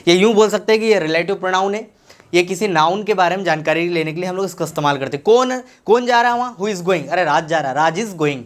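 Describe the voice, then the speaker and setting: A man's voice: high voice, fast talker. A man teaching English grammar with an Indian accent. He repeats each practice sentence several times, then asks the class questions and answers them himself.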